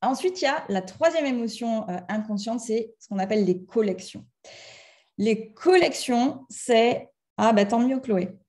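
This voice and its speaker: Animated French woman giving a talk. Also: fairly high pitch, a little slow. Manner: animated, acts out little scenes in different voices; chatty, addresses the audience directly. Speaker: speaker giving a talk on emotions. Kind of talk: lively live talk to an audience. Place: conference room with a live audience.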